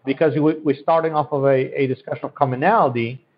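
Earnest and promotional, with a habit of repeating his phrases, this man answers podcast interview questions as an economic development guest. He is a native Polish speaker from Central Europe, born in Poland and raised in Germany, speaking fast at a medium pitch with fairly even intonation, recorded in dull, lo-fi quality.

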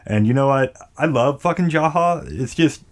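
A man's voice: a little high, normal speed. A man hosting a casual video game chat, swearing freely, with slightly impeded speech after dental work. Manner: casual, profane. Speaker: podcast host.

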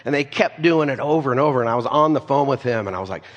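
Pastor preaching in a reverberant hall. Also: male voice, mid-range voice, lively intonation, quick pace, lo-fi sound. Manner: conversational, storytelling with asides. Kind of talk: sermon.

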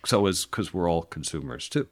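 A man's voice: sits low, lively intonation, moderate pace. A man hosting a casual podcast interview, eager and affirming, often chiming in with agreement. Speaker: podcast host.

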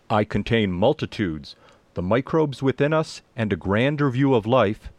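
A man's voice: mid-range voice, a little mellow, dry recording. A man co-hosting a science radio show, reading scripted introductions. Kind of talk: scripted narration introducing a feature.

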